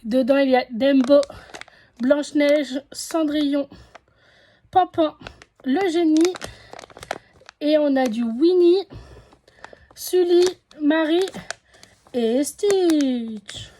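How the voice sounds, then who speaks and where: A woman's voice: sits high, takes it slowly, pauses often, dark tone, a little hiss or hum. A woman with a French accent chatting casually as she opens surprise packets, guessing aloud what is inside. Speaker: vlogger. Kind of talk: casual unboxing chat.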